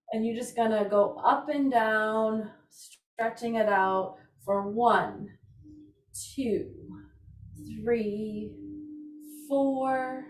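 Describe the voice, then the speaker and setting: A woman's voice: fairly high pitch, a little hiss or hum. A woman leading an exercise class as instructor, giving informal, encouraging cues with casual chat and counting. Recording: roomy echo, distant microphone.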